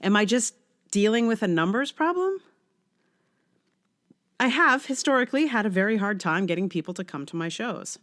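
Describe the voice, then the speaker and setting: A middle-aged woman hosts a solo podcast, reading a scripted essay before drifting into casual, rambling talk, musing wryly and questioning herself. Her medium-pitched voice is animated and fairly bright, at a moderate pace with long pauses.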